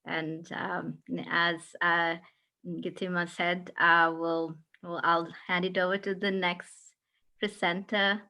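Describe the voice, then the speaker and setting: Woman from Sri Lanka, faculty on a video call; low, monotone, bright timbre, hesitant. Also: slow. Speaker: social work faculty. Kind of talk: brief self-introduction.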